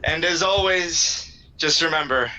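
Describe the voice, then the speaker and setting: A man's voice: fairly high pitch, measured pace, a crowd in the background, rough recording. A man running a tabletop game, thanking his players and viewers in earnest as he closes the stream. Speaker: game master. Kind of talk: casual stream sign-off chat.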